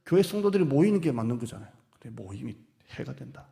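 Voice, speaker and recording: Gravelly-voiced male pastor preaching in a reverberant hall. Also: medium pitch, fast. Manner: lively, playful, acts out quoted speech and teases the congregation. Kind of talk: sermon. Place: church sanctuary.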